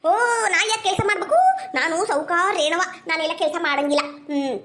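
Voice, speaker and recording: A woman's voice: very high-pitched, brisk, fairly bright tone, a little hiss or hum. A woman with a North Karnataka Kannada accent acting out a village comedy sketch, bickering and scolding as several village women.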